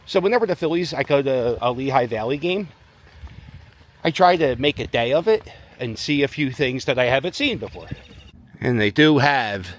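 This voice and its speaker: Male travel vlogger, medium pitch, casual outdoor chat, rambling and offhand.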